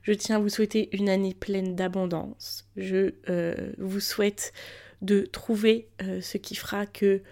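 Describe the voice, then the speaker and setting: A woman's voice: mid-range voice, little pitch movement, unhurried, warm tone. A woman hosting a casual solo podcast, speaking informally and motivationally to her listeners, her voice thickened and altered by tonsillitis, as if through swollen tonsils. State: sick with a throat infection. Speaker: podcast host.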